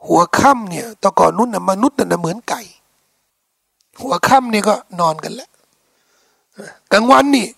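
Male preacher, storytelling lecture, gravelly and highly expressive, dry close sound. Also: normal speed, pauses often, no room sound. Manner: animated, colloquial, rhetorical questions to the audience. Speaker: Islamic preacher.

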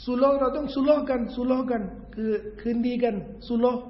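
A man's voice: very high-pitched, fairly even intonation, fairly quick. A man teaching a hadith lesson on Arabic pronunciation, explaining patiently, repeating words to drill them, and asking his listeners rhetorical questions. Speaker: Islamic religious teacher. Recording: echoey hall, dull lo-fi sound.

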